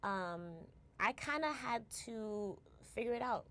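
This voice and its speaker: The U.S. company founder, a guest in a relaxed interview, sounds high, bright and forceful, expressive yet slow. She reflects aloud, checking in with "right?" and starting words over.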